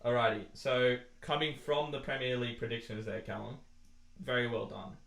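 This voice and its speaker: A young man co-hosts a casual podcast chat, joking, breaking into laughter and mimicking people in loud, mocking put-on voices. His voice is medium-pitched and gravelly, steady in tone at a normal speed, with a roomy echo.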